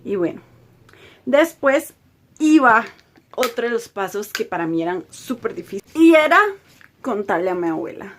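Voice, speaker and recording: A woman's voice: mid-range voice, expressive, normal speed, long pauses. A young woman, telling a personal storytime with emotion, often repeating herself. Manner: emotional, repetitive retelling. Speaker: vlogger.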